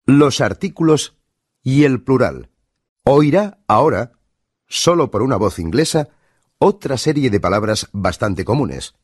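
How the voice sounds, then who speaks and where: A man with a Spain Spanish accent reading scripted narration for an English course, in a clear and deliberate teacher's delivery. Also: mid-range voice, expressive, no echo, clean studio sound.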